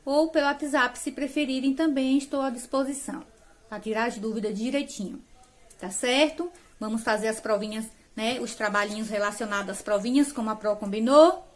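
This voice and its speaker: Brazilian woman, primary teacher, remote lesson; patient step-by-step explainer, affectionate, slightly high voice. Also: fairly quick. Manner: affectionate, uses diminutives. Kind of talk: remote lesson instructions to parents and children.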